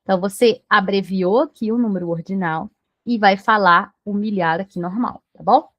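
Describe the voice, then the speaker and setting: A Brazilian woman teaches English pronunciation to beginners in a patient, encouraging way. She keeps checking that the learner follows her. Her voice sits at an ordinary pitch and sounds close and dry, with no room around it. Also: moderate pace, fairly bright tone, dry recording. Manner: patient, repeats checks like "tá bom?".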